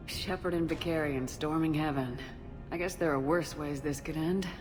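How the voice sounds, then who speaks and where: A woman as a low-voiced, resolute military commander. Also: normal speed, music in the background, lightly acted. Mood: tender farewell. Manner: restrained, sincere, understated. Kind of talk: video game dramatic acting.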